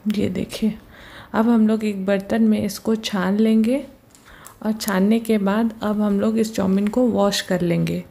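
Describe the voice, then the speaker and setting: This home cooking host has a medium-pitched, warm, gravelly voice with a breathy edge and a steady tone. She narrates each recipe step slowly and patiently in her home kitchen, often pointing things out and repeating "ye dekhiye".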